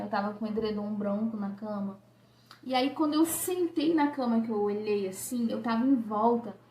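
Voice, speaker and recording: A woman's voice: high-pitched, echoey room, slight background noise. A young woman from Brazil, telling a personal story to camera in an emotional, conversational way. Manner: emotional, conversational, many fillers like "né" and "sabe". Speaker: vlogger.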